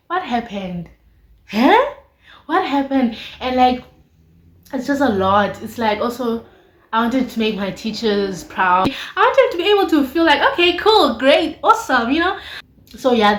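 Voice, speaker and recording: A young woman with a South African accent, chatting casually and expressively to viewers in an informal, slangy confessional vlog. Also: a little high. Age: late teens, young adult. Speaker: vlogger. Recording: echoey, roomy sound.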